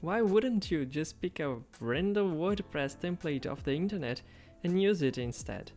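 Here a man who first learned Portuguese, working as a web developer vlogger, walks through a coding project in a breezy, upbeat voice-over. He pitches somewhat high and speaks animatedly but a bit slowly, backed by soft music.

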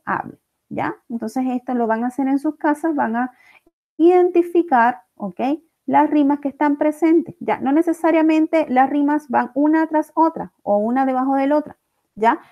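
Female teacher, high voice, patient, step-by-step recorded lesson, muffled lo-fi audio. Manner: explains step by step, checking in with "¿ok?" and "¿ya?". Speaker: language teacher. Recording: dull lo-fi recording.

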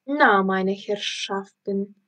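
Woman reading as a loud pompous circus ringmaster. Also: medium pitch, slow pace. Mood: blustering. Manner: loud, announcing. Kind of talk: audiobook reading.

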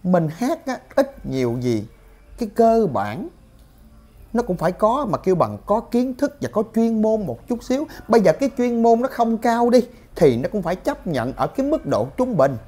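A woman's voice: mid-range voice, big pitch swings, moderate pace, dark tone. Indignant woman ranting. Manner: indignant, full of exclamations. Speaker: gossip commentator. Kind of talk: ranting commentary to viewers.

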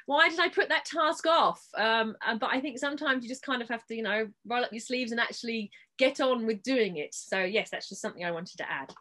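A woman's voice: on the high side, fairly quick, hardly any pauses, sharp tone. A woman theatre producer on a video call, talking candidly on a panel with lots of fillers. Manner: candid, chatty with many fillers. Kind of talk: casual panel talk.

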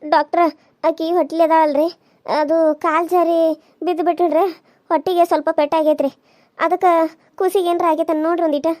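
Woman doing a caring but firm village auntie, high voice, north karnataka kannada, cartoon. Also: a little fast, long pauses, no room sound, clean studio sound. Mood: worried. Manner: steady, earnest, lecturing. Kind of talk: cartoon voice acting.

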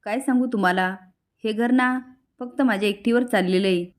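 A woman's voice: mid-range voice, normal speed, close to an everyday voice. Woman reading as a gossipy young housewife.

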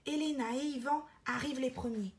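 A woman reads a children's storybook aloud in a high, bright-toned voice. She tells it expressively, sinking into breathy whispers for the quiet moments. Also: fairly even intonation, fairly quick, noisy background. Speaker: storyteller reading a picture book.

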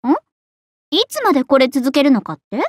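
Elizabeth Bathory Cinderella, squeaky-high haughty dragon princess. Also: female voice, very animated, moderate pace, dry recording, clean studio sound. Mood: eager, flirtatious.

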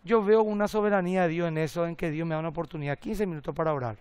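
Animated pastor, high voice. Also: male voice, racing, clear, resonant tone. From Paraguay. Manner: animated storytelling with acted-out quotes and jokes. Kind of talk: sermon.

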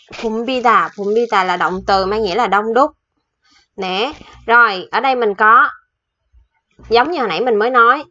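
A woman teaching Korean vocabulary, patiently slowing down to spell out the grammar and pronunciation rules. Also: a little high, fairly bright tone, lo-fi sound. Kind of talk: explaining vocabulary lesson.

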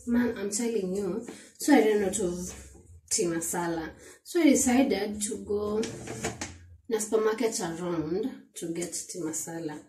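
Slow, chatty Kenyan woman in an echoey room. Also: mid-range voice, dark tone, recorded from a distance. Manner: chatty, repeats words, mixes in Swahili phrases. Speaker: vlogger. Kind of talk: casual grocery haul chat. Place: small room at home, indoors. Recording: echoey room, a little off-mic, faint noise.

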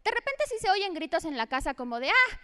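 Brash high-voiced woman doing stand-up. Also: big pitch swings, fast. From Mexico. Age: 30s. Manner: brash, swearing, punchy storytelling. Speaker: stand-up comedian. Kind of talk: stand-up comedy set. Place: comedy stage before a laughing audience.

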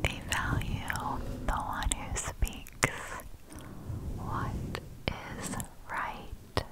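A woman reads aloud in a cupped-hand ASMR whisper, breathy and unvoiced, close to the microphone, leaving long pauses between short phrases. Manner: slow, deliberate phrasing with long pauses, words sometimes repeated. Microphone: close microphone with hands cupped around it.

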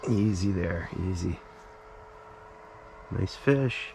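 Gravelly-voiced man vlogging from an ice shelter. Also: low-pitched, very slow, a little hiss or hum. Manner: relaxed, talks to the fish, drops to a hushed whisper when excited. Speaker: outdoor vlogger. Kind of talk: casual solo fishing commentary. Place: inside a small ice fishing shelter on a frozen lake.

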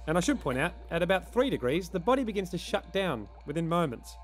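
A man's voice: high-pitched, big pitch swings, quick pace, soft background music. A man narrating a travel-comedy segment as co-host, reading a script.

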